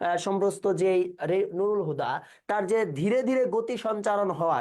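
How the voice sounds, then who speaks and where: A man's voice: sits high, darkish tone. A man teaching an exam-prep class, quizzing students and repeating their answers back in a casual way.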